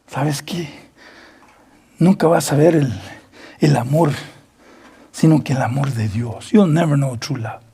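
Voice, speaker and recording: A man's voice: on the high side, takes it slowly, long pauses, warm tone, husky. A man preaching a Bible study sermon as pastor, earnest, repeating words and acting out quoted dialogue, slipping between Spanish and English.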